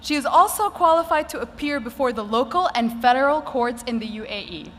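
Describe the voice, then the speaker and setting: A woman's voice: high-pitched, fairly quick, a bit bright. A woman giving a scripted podium speech as event host, with a formal, emphatic announcer delivery. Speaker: event host, master of ceremonies. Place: conference hall stage at an expo. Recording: echoey hall with clear background noise.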